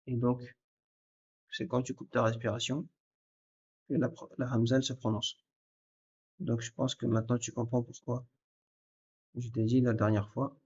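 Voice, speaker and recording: Guy teaching a lesson, talks right to you, sounds out each letter, husky and kinda flat, muffled lo-fi audio. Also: medium pitch. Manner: patient, addresses the listener directly, repeats sounds to demonstrate. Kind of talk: recorded lesson, explaining step by step. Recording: dull lo-fi recording.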